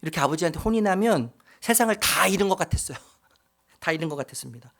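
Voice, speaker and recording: A pastor preaching a sermon, asking the congregation questions and repeating key words for emphasis. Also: male voice, fairly high pitch, expressive, quick pace, vocal fry, fairly bright tone.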